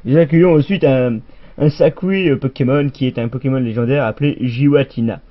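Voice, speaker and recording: A man's voice: mid-range voice, fairly quick. Man hosting a jokey toy-figure show; goofy, brusque mock-presenter in a middle register; dull lo-fi recording. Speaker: host. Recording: muffled lo-fi recording.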